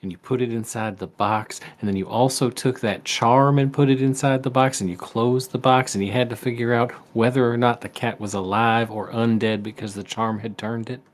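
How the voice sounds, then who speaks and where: Folksy dad spirit, played by a male game master, fatherly, gentle country storyteller for an improvised tabletop fantasy. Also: medium pitch, fairly even intonation, normal speed, few pauses, natural voice. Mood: fond, knowing. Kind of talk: improvised tabletop role-play.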